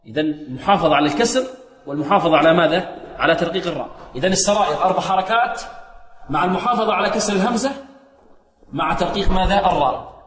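High-voiced man teaching Quran recitation. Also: fairly bright tone, echoey room, in a large hall. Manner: quizzing students, then answering and chanting the verses slowly. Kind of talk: tajweed lesson with sung recitation.

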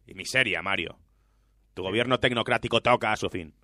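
A man's voice: on the low side, fairly quick, sharp tone, dry recording, clean studio sound. A man hosting a satirical radio countdown, mocking and sarcastic. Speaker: radio host.

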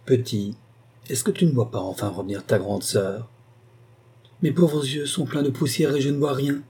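A man's voice: mid-range voice, moderate pace, a little mellow, breathy edge, natural voice. A man voicing a frail elderly grandmother with weak eyes, speaking in a trembling, pleading way. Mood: worried.

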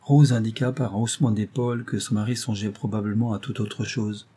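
Husky, dark-voiced male narrator. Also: on the low side, fairly quick. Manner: steady, literary storytelling. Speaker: audiobook narrator. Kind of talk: scripted narration.

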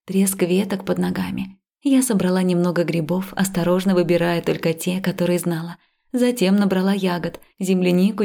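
A woman narrating a first-person audiobook in a calm, even reading. Her low voice has a gravelly edge and a dark, mellow tone.

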